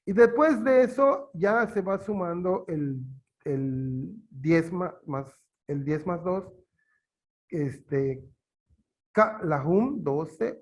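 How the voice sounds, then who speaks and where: His explanations come slow and halting, packed with fillers, as this man from Yucatán, Mexico, teaches in an interview with a Yucatán Spanish accent. The pitch is fairly high.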